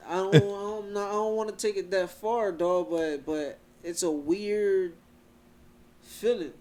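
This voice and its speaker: A young man co-hosting a podcast, chatting casually in animated slang and talking over his co-host. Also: high-pitched, slow. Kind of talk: casual chat.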